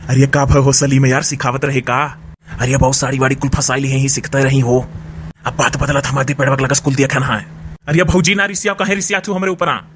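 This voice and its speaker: A man's voice: medium pitch, steady tone, fairly quick, fairly bright tone, a little hiss or hum, natural voice. A man voicing a teasing Awadhi village brother-in-law. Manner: teasing, mocking. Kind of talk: cartoon voice acting.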